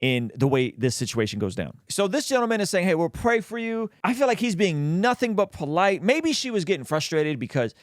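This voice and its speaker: A man's voice: fairly high pitch, big pitch swings, brisk, hardly any pauses, no room sound, clean studio sound. A man giving casual, opinionated video commentary as a host, speaking colloquially and with emphasis. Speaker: host of a reaction show.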